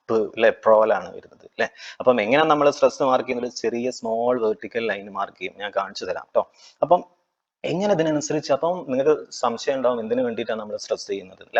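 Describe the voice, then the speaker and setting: A man teaching an exam-prep lecture, asking his students frequent tag questions and reading English lines slowly. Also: medium pitch, lo-fi sound.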